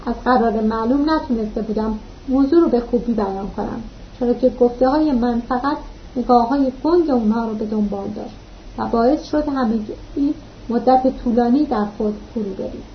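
A woman narrating a novel as an audiobook, in a steady, even reading manner, in a dull lo-fi recording. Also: fairly high pitch, slight background noise.

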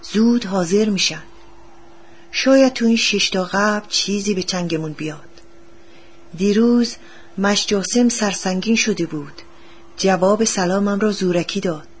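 A bitter, gruff father who scolds and grumbles in a husky voice, as a woman puts him on. His pitch sits in the middle of the range. It is a storybook reading full of superstition and hard luck. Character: poor bitter middle-aged father digging for treasure.

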